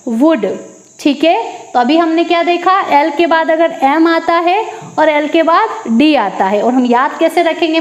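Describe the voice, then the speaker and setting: A woman teaching English at a board, slowly repeating each word and then answering her own questions. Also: sits high, darkish tone, reverberant. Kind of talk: classroom lesson. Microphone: teaching at a board with a marker.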